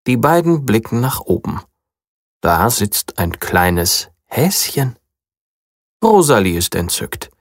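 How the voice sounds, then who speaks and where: A narrator reading a children's story aloud with a lively, storytelling delivery. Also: medium pitch, slow, dry recording, studio quality. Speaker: audiobook narrator.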